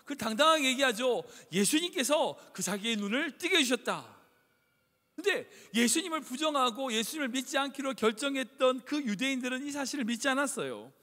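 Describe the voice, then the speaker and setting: Male pastor, very high and animated delivery, emphatic sermon, echoey sanctuary. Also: fairly quick. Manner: emphatic, conversational preaching with rhetorical questions. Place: church sanctuary. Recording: echoey hall reverb.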